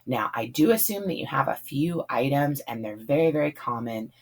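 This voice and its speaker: Woman, hoarse and husky, very low voice, chatty budget-cooking vlog voice-over with casual ums. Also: expressive, normal speed. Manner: chatty, friendly, lots of ums and likes. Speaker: budget meal planning vlogger.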